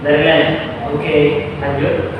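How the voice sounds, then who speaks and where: A man's voice: fairly high pitch, completely flat delivery, slow, dull audio. A male school counselor leading a group counseling session, patiently explaining and checking that everyone understands. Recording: echoey room from far off, noisy.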